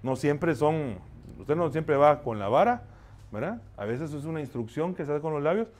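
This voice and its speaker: Brief: a man preaching, pastor type, slightly high voice, talks straight to the congregation and keeps asking for a response. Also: animated, moderate pace, darkish tone. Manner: conversational preaching, constantly addressing listeners and asking for responses; confessional, shares his own failings. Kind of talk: sermon.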